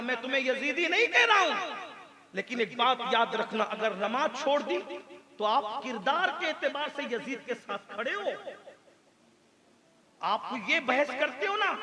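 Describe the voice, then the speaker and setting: A man with a very high, piercing voice preaches with fire, stacking up repeated refrains and then dropping to hushed warnings. A crowd is audible around him throughout. It sounds like a live gathering. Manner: impassioned, rhythmic repeated refrains, swings between shouting and hushed. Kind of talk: fiery religious speech to a crowd.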